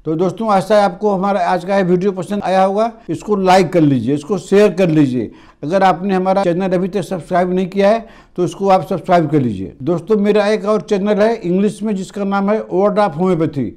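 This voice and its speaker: Fairly quick and a little mellow, his high voice belongs to an older homeopathy doctor from India. He gives a direct-to-camera health lesson on remedies, recorded on a lapel mic indoors against a green screen. His teaching is plain and repetitive, with phrasing that explains things again and again, and he addresses the audience as friends.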